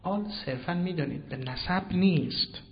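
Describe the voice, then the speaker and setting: A man giving a Quran commentary sermon, swinging between hushed and loud declaiming and posing questions he then answers himself. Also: sits high. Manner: asks and answers his own questions. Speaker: preacher. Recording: reverberant hall, dull lo-fi sound.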